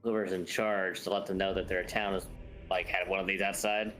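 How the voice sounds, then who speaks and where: A man's voice: sits low, level tone, a little fast, fairly bright tone, soft background music. A man playing a tabletop game who talks hesitantly, often restarting his sentences. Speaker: player. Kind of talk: casual chat at a game table.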